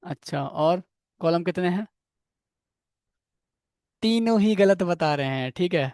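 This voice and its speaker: Smooth and a little mellow, the coding instructor's high-pitched voice has lively intonation and takes things slowly. He breaks every step down, checks in with "theek hai," and quizzes students by name, recorded dry in studio quality.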